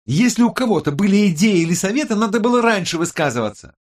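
A man voicing a sharp-tongued, touchy young woman hacker in an audiobook, raised high above his own voice. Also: expressive, normal speed, close to an everyday voice. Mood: snapping. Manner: snappy, defensive. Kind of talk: audiobook character voice.

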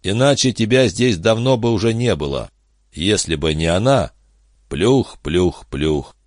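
A man's voice: on the low side, expressive, a little slow, darkish tone, dry recording, clean studio sound. A man voicing the sardonic inner voice of a bitter, worn-out man tearing himself down in a storybook reading. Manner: sardonic, self-lacerating inner voice.

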